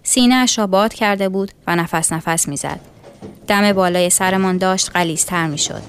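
A woman's voice: fairly low pitch, smooth. Woman reading a story aloud. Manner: measured, literary reading. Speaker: narrator.

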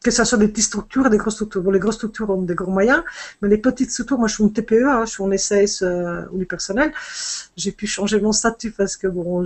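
Chatting casually over a video call from indoors at home, this middle-aged woman, a fashion designer whose first language is Italian, speaks through an earphone headset. Her mid-range voice is a little mellow, and she hesitates often, with many fillers and restarts.

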